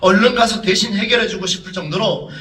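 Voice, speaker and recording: A man's voice: high voice, fast, sharp tone, distant mic. A man, a pastor, preaching earnestly and dramatically in church, with rhetorical questions to the congregation. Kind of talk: sermon. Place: church sanctuary. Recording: echoey church, voice from off the mic.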